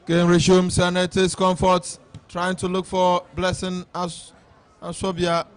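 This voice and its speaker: A man commentating live on a football match, shouting a long, drawn-out, excited goal yell. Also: clean tone. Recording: outdoor pitch with faint crowd noise. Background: faint crowd outdoors.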